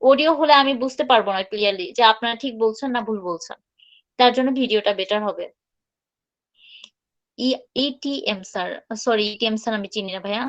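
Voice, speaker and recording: A woman teaching English pronunciation in a live online class, chatting casually and repeating words slowly for students to copy. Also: on the high side, highs cut off.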